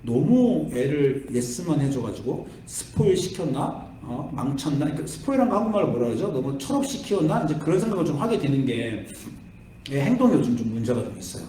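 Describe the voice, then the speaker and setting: A man's voice: mid-range voice, fairly quick, slight background noise. Man, middle-aged, pastor, sermon storytelling, acts out voices, echoey hall, distant mic. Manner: animated, acts out his son's and his own lines. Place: church sanctuary. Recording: echoey church hall from far off.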